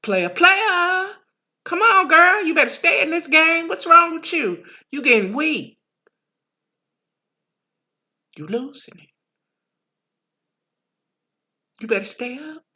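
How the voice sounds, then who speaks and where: A woman's voice: sits high, lively intonation, normal speed, pushed and bright, voice pushed up, exaggerated voice. A woman voicing the mind as a slangy, mocking woman who coaxes and taunts the listener. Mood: pushy. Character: the mind personified, sassy coaxing woman, mocking.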